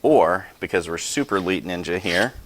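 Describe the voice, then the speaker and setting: A man's voice: deep voice, animated, moderate pace, background noise. A man in his forties casually showing off his collection at home, chatty and self-deprecating, with rambling asides. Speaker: YouTube host showing his sword collection. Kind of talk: casual show-and-tell vlog.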